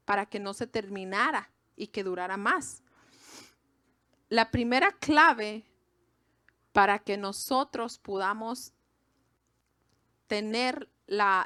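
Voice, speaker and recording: In a clean studio recording with a dry sound, a Mexican-accented woman from Mexico preaches to a gathering of women. Her sermon is informal and conversational, with asides aimed at her audience, and her medium-pitched voice sounds a bit bright.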